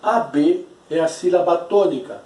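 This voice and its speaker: Slow-talking man teaching in an echoey room. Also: a little high, mellow. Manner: slow, explanatory, repeats key terms. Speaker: Spanish teacher. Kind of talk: recorded classroom lesson. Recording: echoey room, distant from mic.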